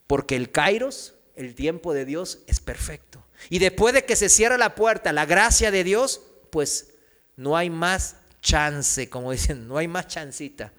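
A man's voice: fairly high pitch, lively intonation, a little slow, fairly bright tone. A man preaching a sermon, reading scripture aloud and asking his listeners questions that he answers himself. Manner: asks the congregation rhetorical questions and answers them; reads scripture aloud, raising his voice for quoted cries. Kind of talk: sermon teaching. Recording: long hall reverb.

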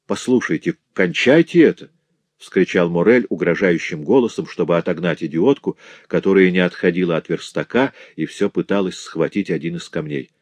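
A man narrating a novel in an even, measured storytelling manner. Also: low voice, no echo. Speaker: audiobook narrator.

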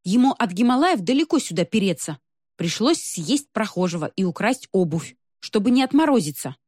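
A woman voicing a timid teenage girl who speaks quietly and conspiratorially, with dry humor. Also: medium pitch, big pitch swings, moderate pace, dry recording. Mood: wry.

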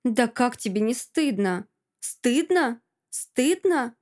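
A woman's voice: expressive, slow, darkish tone. A woman voicing an envious, spiteful young woman who hisses and mocks her friend. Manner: hissing, shrill, mocking.

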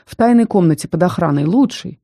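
A narrator plays a stern young male mage in an audiobook, a cold, clipped speaker who keeps a protective edge under a mellow, soft-toned voice. The recording is close and dry. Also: medium pitch, expressive, gravelly, no echo. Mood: somber. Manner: cold, firm, measured. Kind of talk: audiobook character reading.

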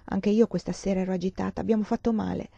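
A soft, remorseful young woman apologizing to a friend, as a woman reading the story puts her on. The tone is mellow and close, and the recording sounds dull and lo-fi. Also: medium pitch, steady tone, fast talker, gravelly, no room sound. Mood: apologetic.

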